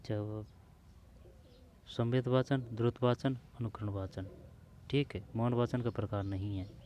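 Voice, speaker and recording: A man's voice: mid-range voice, fairly even intonation, measured pace, mellow, slight background noise. A man working through old exam questions aloud, speaking informally to the listener and repeating the answer options as he checks them. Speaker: exam prep teacher.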